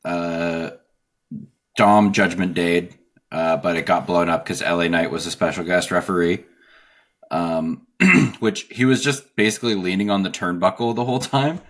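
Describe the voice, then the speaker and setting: A man with a fairly low voice co-hosts a podcast in a relaxed, chatty way. He works through his notes and laughs often as he talks. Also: moderate pace. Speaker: podcast co-host. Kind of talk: casual podcast chat.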